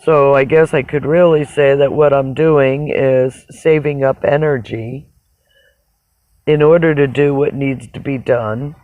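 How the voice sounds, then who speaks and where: In a casual livestream monologue, a person with a raspy, mid-range voice rambles in a halting, reflective way, often pausing mid-sentence. The audio sounds dull and narrow, like a phone.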